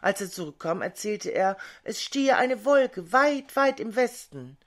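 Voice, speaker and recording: An older woman reading a fairy tale aloud, in an expressive and measured way, as the host. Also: medium pitch. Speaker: storyteller.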